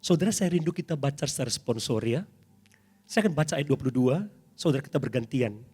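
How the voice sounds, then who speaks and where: A middle-aged man preaching a sermon as pastor in a church, dramatic and animated, with sudden loud highs. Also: fast talker, husky, faint music behind.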